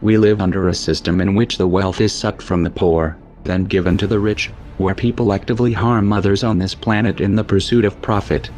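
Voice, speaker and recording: Man with disguised deep voice. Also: steady tone, brisk, hardly any pauses, a little mellow. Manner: grave, declamatory. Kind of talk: scripted manifesto narration.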